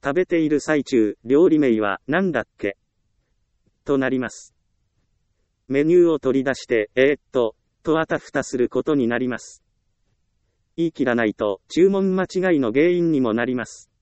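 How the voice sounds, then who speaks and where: Guy narrating a self-help book, calm and steady, dry close mic. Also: mid-range voice, normal speed, clear, resonant tone, no room sound, lo-fi sound.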